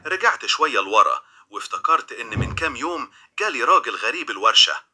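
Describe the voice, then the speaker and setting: A man's voice: medium pitch, very animated, fast, pushed and bright, breathy edge. A young man with an Egyptian accent reading a dramatic first-person crime story. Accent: Egyptian Arabic. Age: young adult. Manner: dramatic, tense.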